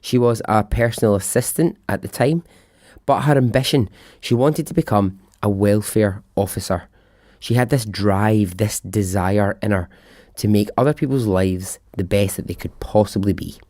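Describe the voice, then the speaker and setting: A man's voice: lowish voice, normal speed, a little mellow, no echo. A man with a thick Scottish accent hosting a storytelling podcast in a chatty, informal, sweary way, close to the microphone. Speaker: podcast host.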